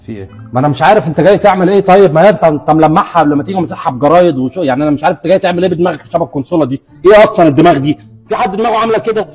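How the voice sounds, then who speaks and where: A wisecracking Egyptian barber who fires off jokes at his customers. He has an Egyptian Arabic accent and rattles through his lines very quickly, in a slightly high voice. It is a comedy sketch, played as quick banter. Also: darkish tone, breathy edge, soft background music. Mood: teasing. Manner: teasing, bantering, rapid-fire jokes at customers. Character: cheeky joking neighborhood barber, adult man. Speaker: actor.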